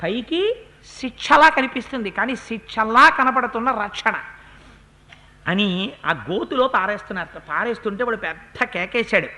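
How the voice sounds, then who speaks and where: A man giving a lively, storytelling religious discourse that breaks into slow, chanted Sanskrit verses. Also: very high-pitched.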